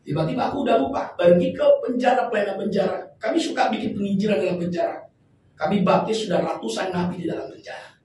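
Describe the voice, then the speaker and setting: A man preaching a lively sermon, his voice sitting very high as he swings from ringing shouts to near-whispers. He is caught from across a church hall, with a big echo around every word and a faint hiss underneath. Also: fast talker. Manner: animated preacher, swings from loud shouts to hushed tones. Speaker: pastor. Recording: echoey church hall from far off, faint noise.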